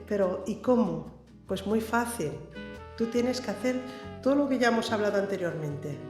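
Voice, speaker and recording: A woman's voice: medium pitch, darkish tone. Emphatic woman singing coach. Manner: emphatic, addresses viewer directly with frequent "¿eh?". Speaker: singing teacher. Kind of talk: vocal coaching lesson to camera. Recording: echoey room with faint background music.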